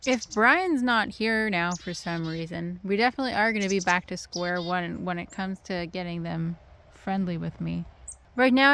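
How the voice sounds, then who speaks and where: A woman vlogging casually outdoors in the woods, coaxing wild birds and talking to them. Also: mid-range voice. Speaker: nature vlogger. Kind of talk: casual outdoor vlog narration.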